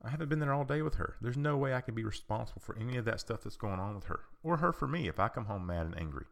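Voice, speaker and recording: A man giving an informal talk on personal boundaries, explaining patiently with rhetorical questions, frequent ums and an occasional cleared throat. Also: mid-range voice, expressive, quick pace, fairly bright tone. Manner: clears his throat often.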